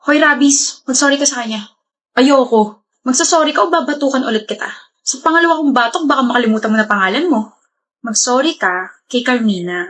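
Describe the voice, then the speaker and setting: A woman's voice: sits high, fairly bright tone. A woman acting out short scripted comedy skits, bantering and teasing. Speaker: skit creator.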